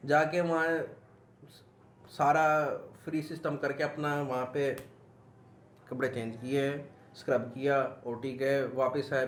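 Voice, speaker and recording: Brief: male panelist, casual and teasing, slightly high pitch, echoey room. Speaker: podcast panelist. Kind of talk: casual chat. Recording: echoey room with faint noise.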